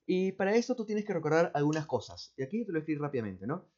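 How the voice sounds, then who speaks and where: A man with a Peruvian accent explains exam answers step by step, speaking slowly, repeating words and often checking with "¿no?" or "¿cierto?". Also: on the high side, big pitch swings, a little mellow. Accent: Peruvian Spanish. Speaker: teacher. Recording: dull, muffled audio.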